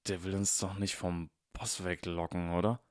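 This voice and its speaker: A man voicing a dim, thuggish boy henchman who grumbles slowly. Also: deep voice, little pitch movement, no echo, studio quality, lightly acted. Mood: grumbling. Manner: grumbling, slow.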